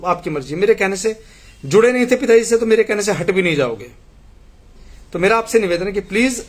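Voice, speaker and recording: A man hosting a live stream, reading viewer messages and answering them in an earnest, argumentative way. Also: high-pitched.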